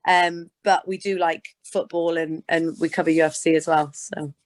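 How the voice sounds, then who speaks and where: Speaking at a moderate pace in a deep voice with little pitch movement, this British sports presenter is a guest in a casual interview. With roots in Scotland and Gloucestershire, England, she answers in an informal, conversational way.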